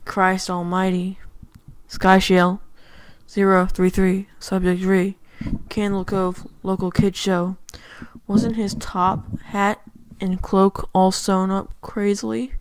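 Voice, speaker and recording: A woman reading a horror story aloud, sometimes dropping into a hush on the eerie lines. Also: mid-range voice, level tone, takes it slowly, clean tone, rough recording. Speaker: reader. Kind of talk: scripted horror narration.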